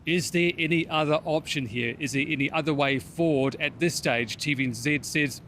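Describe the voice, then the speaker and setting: A male TV news reporter with a New Zealand accent delivers a report. His voice sits a little high for a man. There is faint low noise behind him. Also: moderate pace, a bit bright. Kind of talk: scripted news report and live cross.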